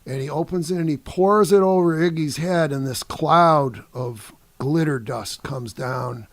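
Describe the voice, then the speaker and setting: Raspy higher-voiced man telling wild stories. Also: unhurried, no echo. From Detroit area. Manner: animated, laughs often, peppers speech with "man" and "you know". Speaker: guest musician. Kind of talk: casual storytelling anecdote.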